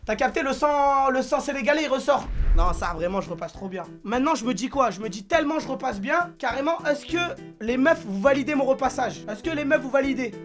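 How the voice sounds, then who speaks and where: A brash young man chats with his live-stream audience, joking crudely and teasing the viewers. His voice sits fairly high for a man, and music plays clearly behind him. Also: animated, brisk, hardly any pauses. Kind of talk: casual live-stream chat.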